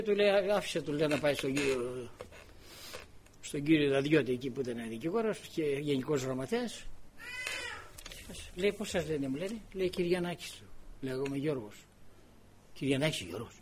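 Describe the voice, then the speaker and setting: Older guy preaching, tells a story and does all the voices, pitch swinging all over, bit high. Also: a little mellow, slight background noise. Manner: acts out quoted dialogue, repeats words. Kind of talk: sermon with personal anecdote.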